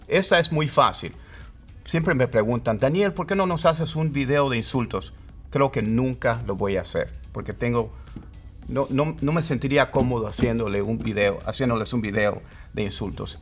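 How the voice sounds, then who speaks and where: A man teaching English idioms. He explains patiently and repeats phrases slowly, word by word. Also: mid-range voice. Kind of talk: Spanish-language lesson on English idioms.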